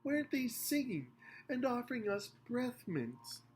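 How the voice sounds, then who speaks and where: A man's voice: extremely high pitch, big pitch swings, normal speed, a little hiss or hum, voice pushed up, rough recording. A man voicing a naive, wide-eyed young alien girl full of wonder.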